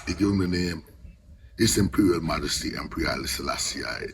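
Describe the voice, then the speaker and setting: A Rastafarian elder from the Bahamas, an older man with a Caribbean accent, reasons informally and passionately in Rasta speech full of patois phrasing. His voice is low and his pace brisk, with a noisy background behind him.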